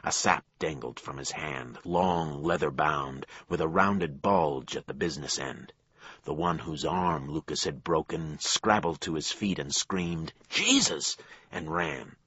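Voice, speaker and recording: A man narrating a crime thriller audiobook in a measured storytelling voice. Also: a bit bright, slightly rough, dry recording, highs cut off. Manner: low, measured storytelling with acted dialogue.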